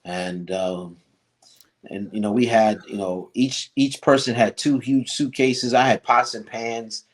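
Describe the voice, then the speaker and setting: A middle-aged man, a guest, telling a long personal story in a casual interview, with frequent restarts and fillers and lively quoted lines. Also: medium pitch, measured pace. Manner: rambling, many restarts and fillers, animated when quoting others.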